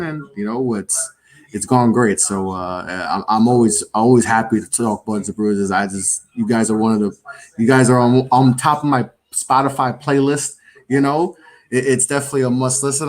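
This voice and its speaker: A man who runs a podcast network, chatting casually in a rambling way with many restarts. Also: medium pitch. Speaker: network founder and guest.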